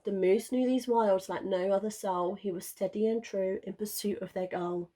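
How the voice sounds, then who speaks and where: Woman reading a bedtime rhyme, slightly husky. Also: mid-range voice, fairly even intonation, moderate pace, warm tone. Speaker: primary school teacher.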